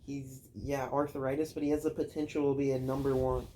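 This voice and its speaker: A man's voice: mid-range voice, flat delivery, brisk, dark tone, a little hiss or hum. A man casually ranking football players, blunt and teasing with his friends. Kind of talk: casual chat.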